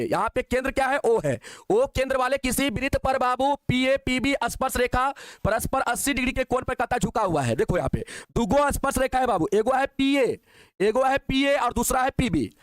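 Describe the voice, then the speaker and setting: A man teaching a maths exam-prep lesson, coaxing students and asking quick questions. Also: very high-pitched, dry recording.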